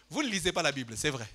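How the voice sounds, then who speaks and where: Lively bright-voiced older pastor. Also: male voice, on the high side. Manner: animated, asks the congregation questions, swings from loud to quiet. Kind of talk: Bible study sermon. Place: church.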